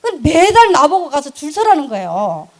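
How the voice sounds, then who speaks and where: A middle-aged woman, telling her business story in an animated, emphatic way and laughing often. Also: high voice, normal speed. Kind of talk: lively storytelling talk.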